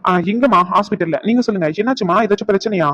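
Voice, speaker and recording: A man's voice: high voice, a bit bright, lo-fi sound, slight background noise. Man playing a brash, bossy young guy. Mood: polite. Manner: brisk, bossy, mixes in English words. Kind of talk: cartoon voice acting.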